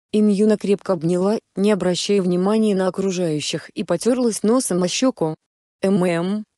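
Lady reading a story aloud, calm and steady, mellow tone, dry close sound. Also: medium pitch, dry recording. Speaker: narrator. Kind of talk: storybook narration of fan fiction.

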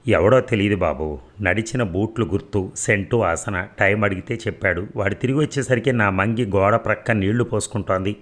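A frightened blind old beggar, pleading and anxious, as a man reads him. He sounds very deep and low. The reading comes from an audio novel. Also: a little fast, close to an everyday voice.

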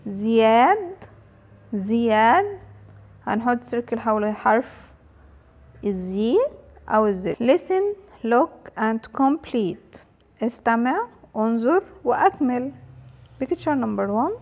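A young woman with an Egyptian Arabic accent teaches English phonics to small children. Her voice sits a little high, and she speaks slowly, drawing out and repeating each letter sound for them. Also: sing-song, a little mellow.

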